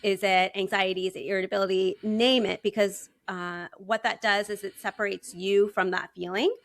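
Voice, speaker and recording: A woman's voice: medium pitch, fairly even intonation, normal speed, no room sound. A woman hosting an interview podcast, upbeat and conversational. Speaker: podcast host.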